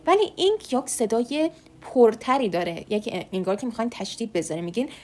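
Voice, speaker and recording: A woman teaching Korean letters, patiently repeating each sound slowly. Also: fairly high pitch, animated. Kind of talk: online alphabet lesson.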